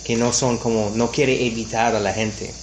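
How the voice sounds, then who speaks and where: Canadian man interviewing in halting, second-language phrasing. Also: mid-range voice, little pitch movement, slight background noise. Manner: frequent "ujú" backchannels, halting non-native phrasing. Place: outdoors at a ranch.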